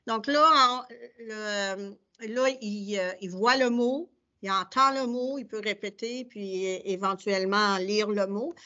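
A woman's voice: medium pitch, slow, bright, forceful tone, highs cut off. A woman teacher with a Québécois French accent, presenting her teaching materials to colleagues and explaining them step by step. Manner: explains step by step while paging through documents. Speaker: adult literacy teacher.

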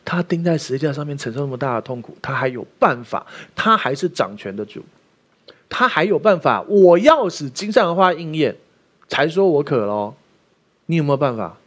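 A man preaching a sermon as pastor, emphatic and often asking the listeners questions. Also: fairly high pitch.

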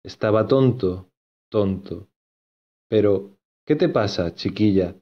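A man playing an earnest, lovesick young gentleman in a storybook, insistent and given to repeating himself. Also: fairly low pitch, slow pace, highs cut off.

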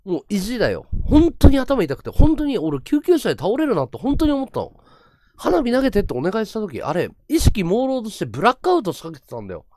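Animated man chatting on a livestream. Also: quick pace, no room sound, clean studio sound. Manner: swings between excited bursts and low mumbled asides; rough slangy talk, repeats words for emphasis. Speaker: live streamer. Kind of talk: casual livestream chat with viewers.

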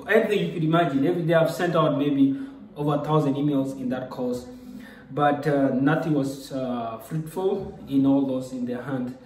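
Speaking to a camera set back at desk distance in a small, echoey indoor room, a young South Sudanese man vlogs about his own life. His story rambles, full of fillers, and his slightly high, somewhat mellow voice comes across as distant.

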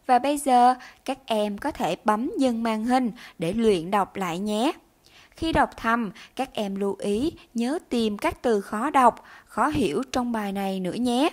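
A woman teacher giving a recorded reading lesson to young children, pronouncing each word and syllable slowly and carefully. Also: a little high, expressive. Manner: slow, careful enunciation of words and syllables. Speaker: primary school teacher.

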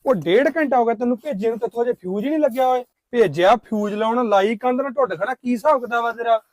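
A man's voice: extremely high pitch, quick pace, dry recording. A man playing an aggrieved, sarcastic villager in a comedy skit. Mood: sarcastic scolding. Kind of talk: acted rural comedy skit.

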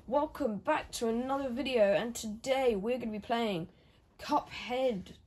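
A woman gaming on video, reading the game's story aloud with joking asides. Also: mid-range voice. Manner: animated, jokey asides to the story. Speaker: gaming YouTuber. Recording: game music playing behind. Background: game music.

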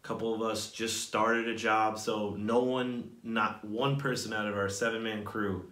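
An animated young man tells his side of the story to camera, playful and expressive. He sits in a small bare room whose walls throw back a noticeable echo. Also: lowish voice, moderate pace. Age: young adult. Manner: animated, gesturing, playful banter. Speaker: vlog co-host. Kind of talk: casual chat to camera. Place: small indoor room, seated. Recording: echoey room.

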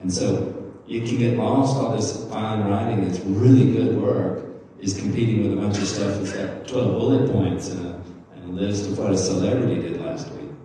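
A man's voice: lowish voice, steady tone, moderate pace, dark tone, a little hiss or hum. A man speaking as a panelist in a conference discussion, reflective and restarting his sentences. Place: conference room. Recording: echoey hall, distant mic.

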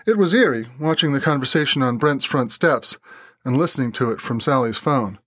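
A man's voice: mid-range voice, fairly quick, no room sound. Man narrating a story, dry sound. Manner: steady storytelling. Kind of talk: scripted audiobook narration.

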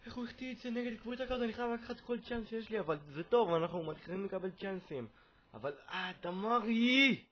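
A young Israeli man with a sarcastic wit, commenting on a football video game and bursting into excited yells. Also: high voice, highs cut off. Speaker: gaming video host.

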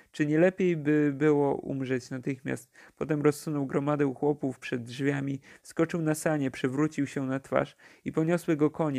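Gravelly-voiced man reading a classic novella. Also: fairly high pitch. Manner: steady, measured reading. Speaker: audiobook reader. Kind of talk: audiobook narration of classic prose.

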